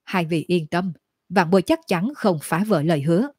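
A woman reading as a calm cunning young cultivator. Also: fairly low pitch, normal speed, breathy edge, no echo, studio quality. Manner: composed, polite.

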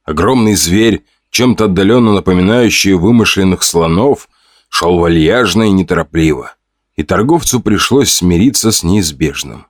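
A man giving expressive scripted narration of an audiobook. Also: low-pitched, normal speed, no room sound, studio quality.

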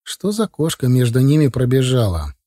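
A man narrating an audiobook in the first person with a calm, even delivery. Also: medium pitch, normal speed, dry recording, clean studio sound.

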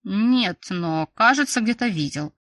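A woman voicing a gruff, hot-tempered man. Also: mid-range voice, lively intonation, a little slow, fairly bright tone, no room sound, recorded from a distance. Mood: wary. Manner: grumbling, snappy. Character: irritable male employee, gruff and hot-tempered.

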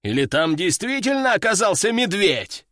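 A man's voice: high voice, big pitch swings, moderate pace, fairly bright tone, no echo, clean studio sound, voice pushed up. Man doing a growling hot-tempered army general. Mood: angry, barking. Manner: growling, barking orders. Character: gruff mustached army general, short-tempered.

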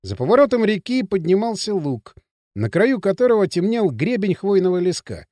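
Male audiobook narrator, measured delivery, higher lively voice, dry close recording. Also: no room sound. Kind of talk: scripted narration.

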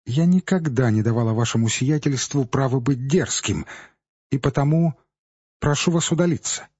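A man's voice: moderate pace, a little mellow, breathy edge, dry recording, muffled recording, natural voice. A man reading an audiobook, raising his voice to play a proud, commanding young princess. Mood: indignant. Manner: raised pitch, haughty and playful. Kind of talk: audiobook character voice.

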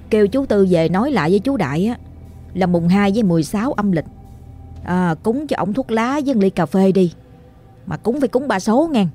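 A woman with a Southern Vietnamese accent, narrating a ghost story in an animated, exclamatory way. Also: medium pitch, breathy edge.

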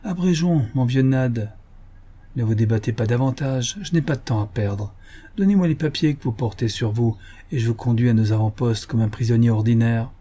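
A man voicing a brisk young frontier scout who gives curt orders, in a read-aloud adventure story. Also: medium pitch, dark tone, breathy edge, natural voice. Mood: stern.

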